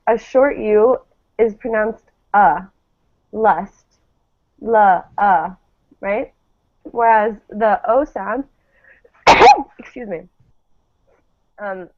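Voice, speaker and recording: Over thin call audio, a woman with a medium-pitched, phone-quality voice teaches English pronunciation in a live online lesson. She is encouraging and enunciates model words with care while drilling word pairs.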